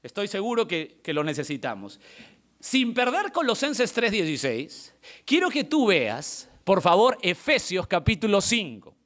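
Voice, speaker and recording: A male pastor preaching a sermon in church, emphatic and lively, reading scripture aloud slowly between his explanations. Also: high-pitched. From Peru.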